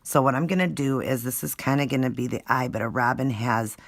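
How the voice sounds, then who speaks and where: A woman's voice: extremely low pitch, fairly even intonation, fairly quick. A woman giving a casual step-by-step craft tutorial, talking informally and thinking aloud as she works. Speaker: nail art tutorial presenter. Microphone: phone. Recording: noisy home phone recording.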